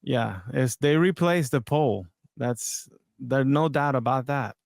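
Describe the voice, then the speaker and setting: A man's voice: mid-range voice, unhurried, creaky, darkish tone, no room sound, studio quality. Casual man commenting on a video. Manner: conversational, hesitant, with restarts. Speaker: podcast host.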